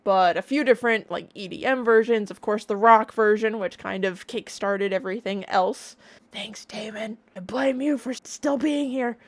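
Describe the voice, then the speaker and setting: A woman streamer giving a casual, excited reaction in a playful, bubbly, gushing way. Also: medium pitch. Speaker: online reaction streamer and music creator.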